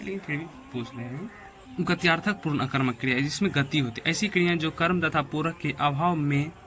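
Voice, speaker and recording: A man teaching a grammar lesson, asking his own questions and answering them as he repeats example sentences. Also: fairly high pitch. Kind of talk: classroom-style grammar lesson.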